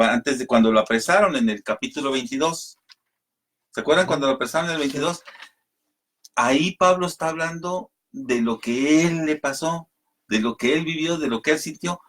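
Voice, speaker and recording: A man's voice: on the high side, a bit bright. A man teaching a radio Bible study, explaining patiently, calling listeners brothers and reading scripture aloud. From Mexico.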